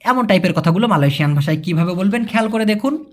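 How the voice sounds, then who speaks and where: A young man from Bangladesh teaching Malay in a casual way, answering viewer questions, chatty and repeating key words slowly. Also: high voice, expressive. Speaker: language teacher.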